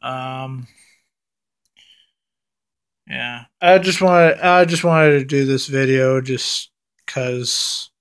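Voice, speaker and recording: A young man talking casually to his vlog viewers after having his wisdom teeth out, mouth packed with gauze, subdued and halting, recorded at arm's length indoors. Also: mid-range voice, a bit bright, clear, resonant tone. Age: young adult. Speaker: vlogger. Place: indoors at home, close up. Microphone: phone or camera at arm's length.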